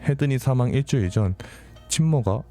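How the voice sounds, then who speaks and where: A man's voice: medium pitch, expressive, moderate pace, dark tone, faint music behind. A young adult man hosting a true crime show, reading news items and commenting on them angrily, swearing often. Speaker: true crime channel host.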